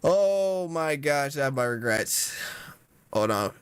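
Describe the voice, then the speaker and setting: A young man giving casual reaction commentary, slangy and exasperated, with sudden loud outbursts. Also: fairly high pitch, animated, takes it slowly, clear, resonant tone, no echo. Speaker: content creator.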